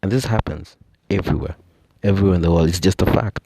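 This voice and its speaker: A man's voice: sits low, quick pace, heavy background noise. A young adult man with a Kenyan accent, hosting a casual monologue, explaining ideas with frequent "you know" and "I think" asides. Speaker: podcast host.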